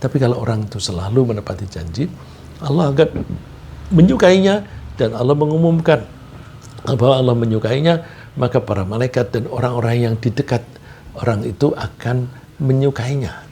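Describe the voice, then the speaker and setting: A man giving a calm, measured religious sermon, often using "ya" and "nah" as he explains. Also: mid-range voice, slight background noise. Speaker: preacher.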